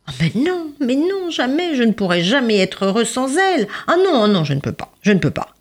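Woman doing a stuck-up pretty fish, snooty and huffy, lively. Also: mid-range voice, a little slow, breathy edge, pitched above the performer's own voice. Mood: refusing. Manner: haughty, indignant. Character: vain, haughty beautiful fish, proud and dismissive.

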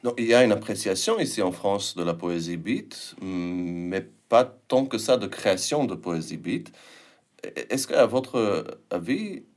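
A man's voice: lowish voice, lively intonation, measured pace, a little mellow. A man interviewing a guest, building his questions step by step and in a considered way.

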